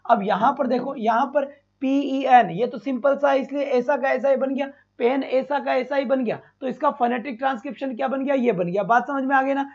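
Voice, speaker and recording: A male teacher runs a live online exam-prep class, calling students "beta" and repeating sounds slowly. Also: extremely high pitch, fairly even intonation, creaky. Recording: dull lo-fi stream.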